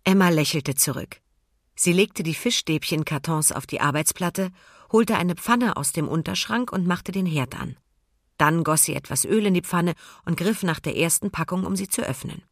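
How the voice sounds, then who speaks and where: Woman reading a kids story, low and a bit husky, really dry close sound. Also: moderate pace, no echo. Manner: calm, expressive storytelling. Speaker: narrator. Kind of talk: children's audiobook reading.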